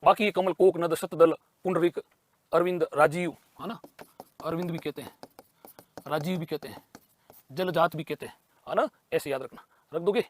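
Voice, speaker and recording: A man's voice: a little high, normal speed, pauses often. A man teaching a grammar lesson for exam prep. He asks questions and answers them himself, and he repeats key terms.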